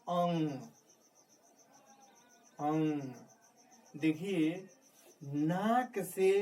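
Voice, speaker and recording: Teaching grammar, this man speaks with a fairly high pitch and a darkish tone. He's repetitive, returning to key words and posing questions he then answers, and the distant microphone captures a little background noise.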